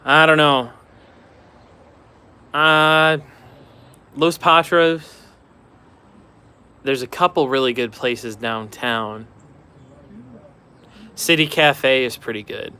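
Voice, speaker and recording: A man's voice: mid-range voice, steady tone, extremely slow, long pauses, pushed and bright, clean tone. A man hosting a casual live stream outdoors beside railroad tracks, chatting offhand and answering viewer questions.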